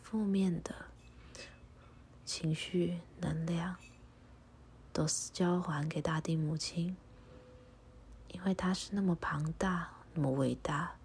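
A woman leading a guided meditation and prayer, speaking softly and calmly, often in a half-whisper. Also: lowish voice, a little hiss or hum. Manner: soft, breathy, often half-whispered delivery; slow, calm, instructive.

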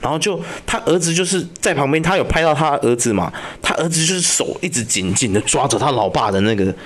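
Here a slightly high-voiced man races through ghost stories on his podcast, swearing freely in a relaxed, chatty way. As host, he stays animated and repeatedly asks "you know?" to confirm the listener gets it.

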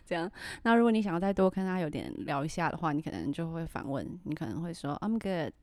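A woman's voice: deep voice, lively intonation, fast, a little mellow, no echo. A woman hosting a podcast in casual chat, laughing often and acting out the reactions she quotes. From Taiwan. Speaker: podcast host.

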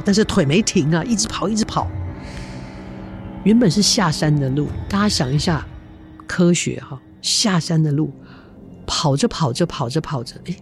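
A middle-aged woman, a podcast host telling a spooky story in a chatty, lively way with asides to her listeners. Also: low-pitched.

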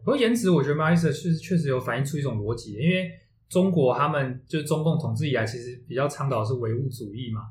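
A podcast co-host with a Taiwanese accent explains things in a casual discussion and readily argues his point. His medium-pitched voice is expressive and fast, recorded with roomy echo and faint background noise.

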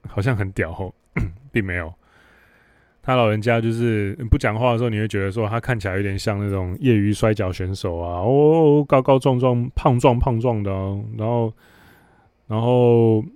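Speaking with a Taiwanese Mandarin accent, a male podcast host recounts a work story bluntly and sarcastically in a casual monologue. He has a lowish, slightly mellow voice, and there's no echo.

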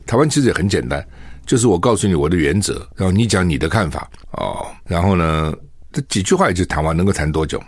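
A man's voice: low voice, animated, fast talker, slightly rough, dry recording, studio quality. Older Taiwanese man talking politics. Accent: Taiwanese Mandarin. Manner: conversational, rhetorical questions, acts out both sides. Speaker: host. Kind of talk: solo political commentary.

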